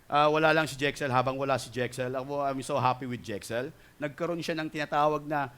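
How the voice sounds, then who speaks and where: A male pastor preaching a sermon, mixing Tagalog with English and often asking the congregation "right?" as he swings between loud and soft delivery. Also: medium pitch, steady tone, brisk. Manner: mixes Tagalog and English, keeps asking the crowd "di ba?" and "tama?".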